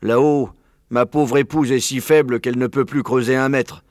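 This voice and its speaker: A man voicing an excitable old male badger, raising his voice high and loud in agitation. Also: normal speed, no room sound, studio quality, close to an everyday voice. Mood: agitated.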